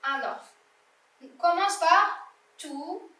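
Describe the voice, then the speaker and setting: A woman's voice: very high voice, very slow, pushed and bright, reverberant, distant mic. A young woman teacher correcting a primary-school reading exercise, patiently spelling out words letter by letter. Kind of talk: slow classroom exercise correction.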